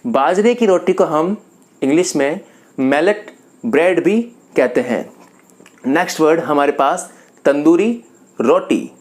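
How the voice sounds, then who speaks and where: A man from Rajasthan teaching a vocabulary lesson, calmly going through a word list and repeating each term. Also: on the high side, unhurried, long pauses. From Rajasthan, India. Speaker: English teacher.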